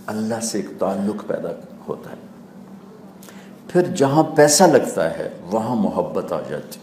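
A man giving a sermon, telling stories and rising to loud animated peaks. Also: fairly low pitch. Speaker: preacher. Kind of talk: sermon with storytelling. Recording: echoey hall with faint background noise.

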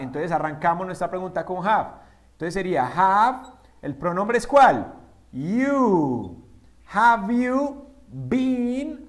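A man teaching English grammar at a whiteboard, asking his students questions and answering them himself, slowing down for the English examples. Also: high voice. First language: Spanish. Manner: slows down to spell out English examples.

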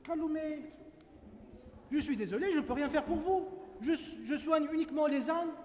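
A man voicing a kind, apologetic male doctor in a storybook reading, speaking gently. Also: very high-pitched, moderate pace, slight background noise, voice pushed up. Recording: echoey hall, faint ambience.

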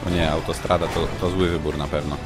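A man commenting live on his own gameplay, muttering to himself and breaking into shouts and yelps when things go wrong. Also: very deep voice, fast, over loud music. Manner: excitable, shouts and yelps when under fire. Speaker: gaming streamer.

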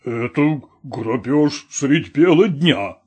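A man's voice: mid-range voice, animated, slow pace, darkish tone, slightly rough, highs cut off. A man reading an audiobook, voicing a flustered, stingy older nobleman who haggles and stammers. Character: fussy elderly male nobleman, flustered and stingy.

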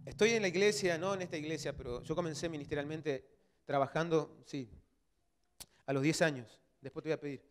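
A man in his thirties, a pastor from Argentina with an Argentine accent, preaching a fervent sermon that swings between loud exhortation and quiet storytelling. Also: fairly high pitch, fairly quick. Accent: Argentine Spanish. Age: 30s.

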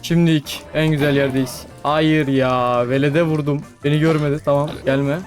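A man's voice: a little high, normal speed. Chatty young man narrating gameplay. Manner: chatty, talks to mobs, frequent excited exclamations. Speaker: gaming YouTuber. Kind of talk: casual gameplay commentary. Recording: faint background music.

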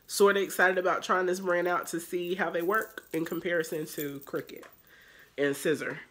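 Woman vlogger, congested and nasal, chatty and filler-heavy, bright tone. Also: lowish voice, steady tone, moderate pace. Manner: rambling, filler-heavy talk. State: congested with allergies. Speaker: haul vlogger. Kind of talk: casual chatty vlog.

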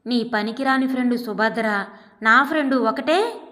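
A woman's voice: on the high side, normal speed, sharp tone. A woman voicing a harsh, bossy husband. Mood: bossy, scornful. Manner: harsh, scolding and dismissive. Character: domineering, contemptuous husband, adult man. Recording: long hall reverb.

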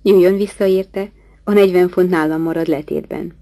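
Woman reading as a gruff teasing gentleman. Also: lowish voice, steady tone, dry recording, lightly acted. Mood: bargaining. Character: brusque teasing wealthy middle-aged English gentleman. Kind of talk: audiobook dialogue reading.

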